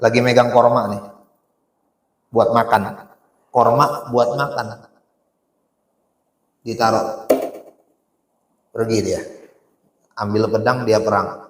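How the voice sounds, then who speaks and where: A man's voice: mid-range voice, steady tone, slow, long pauses, slight background noise. A man preaching a casual sermon, telling stories with rhetorical questions to the audience and reciting Arabic. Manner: colloquial speech with Arabic recitation. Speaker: Islamic preacher. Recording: echoey hall reverb.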